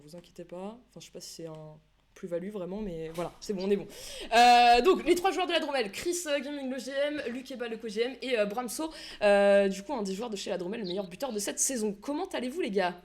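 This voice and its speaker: A woman's voice: mid-range voice, darkish tone, a little hiss or hum. A young adult woman hosting an esports league live stream, chatty and laughing often, correcting herself as she goes. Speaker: esports league show host.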